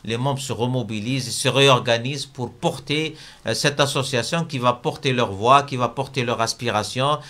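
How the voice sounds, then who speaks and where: A man's voice: medium pitch, moderate pace, pushed and bright. A man from Algeria, a business leader interviewed in a debate, talking hesitantly with many fillers and restarts.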